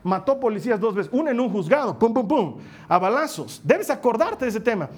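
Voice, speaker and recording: A man preaching a sermon as a pastor, emphatic, slowing down dramatically and dropping to a soft voice on key phrases. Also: very high-pitched, very animated. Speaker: pastor and coach.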